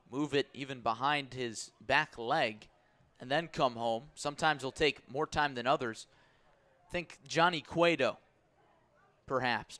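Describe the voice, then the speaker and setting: This radio baseball announcer has a mid-range voice that sounds pushed and bright. He calls the live play-by-play in short, punchy bursts, miked closely with no echo.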